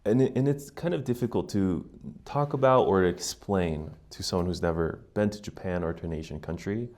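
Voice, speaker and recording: Low and darkish, this American podcast guest talks at a brisk clip in a relaxed conversational interview. He reflects and explains as he goes, frequently checking in with whoever's listening.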